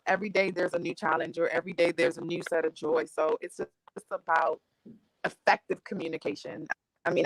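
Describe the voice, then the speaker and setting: A woman's voice: lowish voice, gravelly, fairly bright tone, dry recording, low-quality recording. A woman guest in a casual online chat over a video call, talking earnestly through her points.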